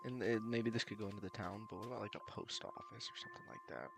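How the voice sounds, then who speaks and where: A man chatting casually while streaming a building game, relaxed and rambling, his voice slightly worn. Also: on the low side, quick pace, vocal fry, music in the background. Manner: relaxed, rambling, laughs softly to himself. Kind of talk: casual live-stream chat. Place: at home late at night. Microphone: desk mic with cord.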